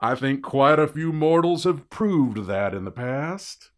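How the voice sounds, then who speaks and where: A man playing a slow-drawling, folksy Satan. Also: medium pitch, lively intonation, natural voice. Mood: smug, matter-of-fact. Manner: slow, drawn-out, folksy delivery. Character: Satan, demanding, mocking, slow-drawling cigar-smoking daddy of demons.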